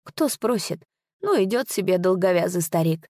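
A gangly shadow-man from a storybook, mumbling bashfully one moment and laughing without shame the next, as a woman puts him on. The voice sits fairly low for a woman and sounds dry and close. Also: lively intonation, moderate pace, dark tone, no echo. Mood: bashful mocking. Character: shy tall ageless male shadow, giggling.

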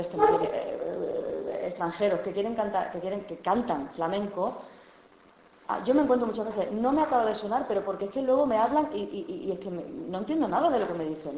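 A woman with a Spanish accent, a flamenco singer giving a conference lecture on vocal technique, explaining in a lively way with frequent asides and tag questions. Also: lowish voice, a little hiss or hum. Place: lecture hall. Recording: echoey lo-fi hall recording.

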